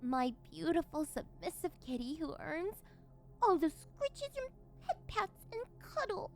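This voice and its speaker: A woman's voice: extremely high pitch, big pitch swings, measured pace, darkish tone, soft background music, full character voice. A woman playing a possessive, unhinged yandere villainess in an ASMR role-play, cooing and teasing condescendingly as she domineers over her captive. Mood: gleeful cooing.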